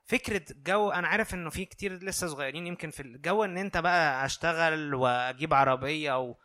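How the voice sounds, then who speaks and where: Fast, bright-voiced Egyptian preacher man. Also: on the high side. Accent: Egyptian Arabic. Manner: earnest, conversational, checks in with listeners. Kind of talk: sermon.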